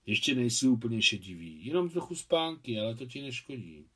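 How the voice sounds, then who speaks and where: A man's voice: mid-range voice, very animated, fairly bright tone, breathy edge, far from the mic. A man voicing a curious, direct young woman in an audiobook, speaking in a questioning, lightly teasing way. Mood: tender.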